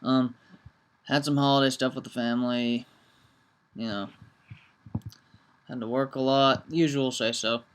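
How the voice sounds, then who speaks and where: A man's voice: mid-range voice, fairly even intonation, unhurried, long pauses, clean tone. A man talking casually to camera in a vlog, earnest and reflective, with many ums and restarts. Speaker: vlogger.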